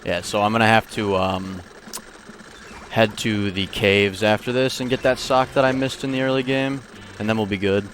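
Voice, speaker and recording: A man's voice: fairly low pitch, steady tone, moderate pace, a bit bright, soft background music. A man speedrunning a game on a live stream, casually talking through his own mistakes as he plays. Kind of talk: casual live-stream talk while playing.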